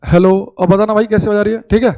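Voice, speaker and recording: A man teaching a live online class with a high-pitched voice. He speaks informally, calling his students brother, and spells out definitions slowly so they can copy them. He drifts into exasperation over students' audio complaints. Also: fairly even intonation, warm tone, slight background noise. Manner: addresses students as bhai, repeats key points slowly for dictation.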